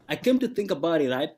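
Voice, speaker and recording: His voice very high-pitched, a South Sudanese man performs relaxed stand-up as a guest comedian via video call from home at night. He chuckles through the material and repeats words, and a slight hiss or hum sits under the audio.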